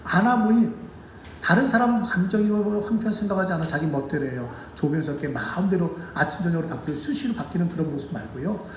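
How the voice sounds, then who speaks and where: A man preaching a sermon as pastor, animated and asking the congregation questions, sometimes acting out children's voices. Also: high voice, quick pace, echoey room, far from the mic, lo-fi sound, a little hiss or hum. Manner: acts out children's voices in quotes. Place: church sanctuary.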